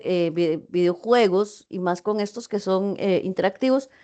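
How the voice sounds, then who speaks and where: A woman's voice: mid-range voice, a little mellow. A woman in an online class meeting, explaining writing to her students in a patient, explanatory way with frequent fillers and self-corrections. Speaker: university teacher.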